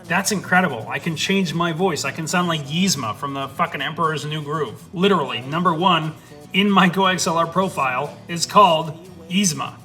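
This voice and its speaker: A young male streamer gives a casual, enthusiastic tour of his home desk setup, rambling through his gear and swearing now and then. His voice is a little high and sharp, at normal speed, with faint music in the background. He's recorded on a studio USB/XLR dynamic mic.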